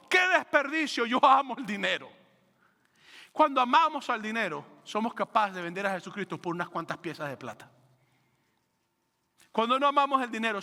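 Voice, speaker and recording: A high, bright-voiced man preaching with lively energy, slipping into the voices of the people in his stories. His words ring out into a long church reverb. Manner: animated preaching, acting out biblical figures' lines. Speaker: pastor. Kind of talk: sermon. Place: church hall. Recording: reverberant sanctuary sound.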